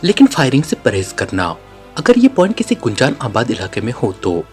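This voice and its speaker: A man voicing a sly, calm male secret agent hero in an audiobook, speaking smoothly and cunningly. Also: mid-range voice, normal speed, faint music behind. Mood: commanding.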